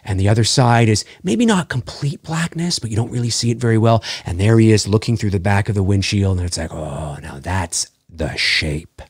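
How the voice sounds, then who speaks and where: Podcast guest, male, fairly low voice, dry sound; chatty and long-winded, trips over words and restarts. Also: fast talker, hardly any pauses, a little mellow, no echo. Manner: talkative, gropes for words and restarts mid-thought. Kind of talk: casual podcast chat.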